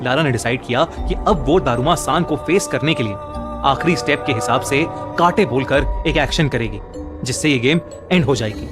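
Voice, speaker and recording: A man's voice: medium pitch, normal speed. A man narrating a scripted horror story in a dramatic storytelling manner. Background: music.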